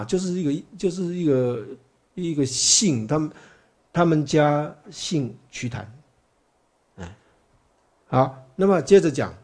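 A man's voice: mid-range voice, a little mellow. A man giving a chatty Buddhist dharma talk as a teacher, full of fillers and rhetorical questions to his listeners. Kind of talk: dharma talk, storytelling lecture.

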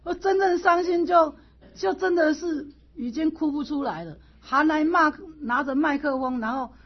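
A middle-aged woman teaching as a Buddhist lecturer, telling a family story with lively asides, laughter and frequent questions to her listeners. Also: high voice, moderate pace. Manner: animated, asks listeners "是不是", laughs through anecdotes. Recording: dull lo-fi recording.

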